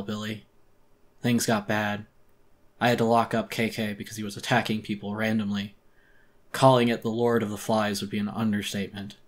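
Beat-up old raccoon, man doing him, quiet, resigned, kinda muffled, hurting bad, creepy audiobook. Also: lowish voice, lightly acted. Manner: tired, resigned, muffled without a tongue. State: in pain, breathing heavily. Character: weary, wounded old raccoon jailer.

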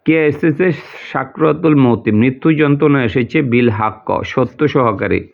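A man teaching a Quran translation lesson, repeating each word and its meaning slowly, step by step. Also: medium pitch, creaky. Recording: tinny phone-like audio.

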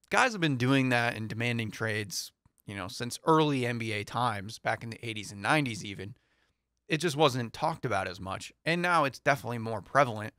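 A young man hosting a casual sports talk show, rambling and thinking aloud with fillers in a small studio on a boom mic. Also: pushed and bright, smooth, no echo. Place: small studio with foam panels. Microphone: studio mic on boom arm, headphones.

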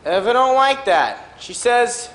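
A man plays a brash self-made banana tycoon who brags about his wealth in a stage monologue. His voice sits high and swings widely. It echoes around a big hall. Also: very animated, unhurried, fairly bright tone, exaggerated voice. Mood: boastful. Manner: boastful, brash. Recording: echoey auditorium.

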